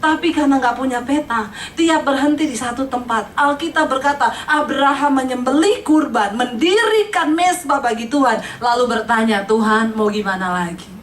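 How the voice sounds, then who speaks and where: A high-pitched woman preacher delivers a lively, joking sermon, pulling her congregation along. Her voice rings through a roomy church from some distance off the mic, with faint noise behind. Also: normal speed. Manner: lively and joking, with sudden sung lines. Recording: echoey hall, distant mic.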